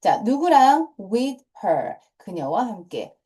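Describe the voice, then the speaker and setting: A woman's voice: medium pitch, very animated, slow, warm tone. A middle-aged woman teaching English grammar to middle school students, patient and repetitive, often starting phrases with a short cue word. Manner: patient, repeats key points, starts phrases with "자".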